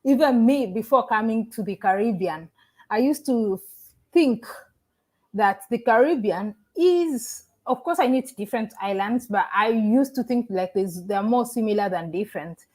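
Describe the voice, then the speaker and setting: On a live stream, an African woman living in the Caribbean chats casually as a YouTuber, reading viewers' comments aloud and answering them directly, often restarting sentences. Her voice is a little high and animated, with a darkish tone and moderate pace.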